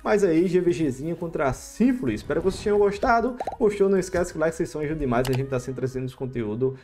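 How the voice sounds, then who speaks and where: A man with a Brazilian accent giving excitable live commentary over his own mobile game battle, cheering his units on with slang. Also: fairly high pitch, fast, faint music behind. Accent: Brazilian Portuguese. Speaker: gaming YouTuber.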